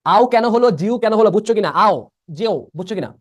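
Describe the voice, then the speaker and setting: A man's voice: high-pitched, quick pace, no echo, studio quality. A young man teaching a live online class. He repeats each rule and keeps quizzing his students with questions. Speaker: admission-prep teacher.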